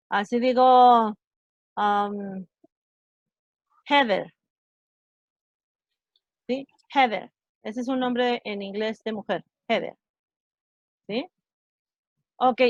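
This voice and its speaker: Patient woman teacher, higher voice, dry and slightly dull lo-fi audio. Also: no echo. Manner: patient, slow, checks understanding with repeated "¿sí?". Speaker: English teacher. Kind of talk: online class explaining pronunciation.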